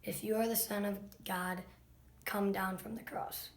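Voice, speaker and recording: Creaky woman as a derisive bystander. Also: mid-range voice, fairly even intonation, a little slow, lightly acted. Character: derisive bystander jeering at the crucifixion. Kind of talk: dramatic scripture reading. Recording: echoey room, faint background noise.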